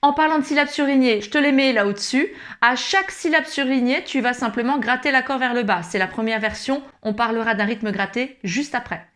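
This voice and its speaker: A woman's voice: on the high side, fairly quick, few pauses. A woman teaching ukulele in an online tutorial, encouraging and talking straight to the learner. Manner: encouraging, speaks directly to the learner. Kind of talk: friendly online music tutorial. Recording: loud ukulele playing under the voice.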